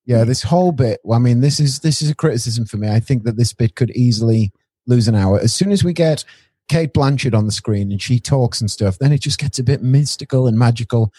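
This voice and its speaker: A man's voice: mid-range voice, brisk, mellow, husky, no echo, clean studio sound. A man co-hosting a podcast, chatting casually and a bit ramblingly about a film. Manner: chatty, rambling, with small restarts. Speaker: podcast co-host reviewing a film.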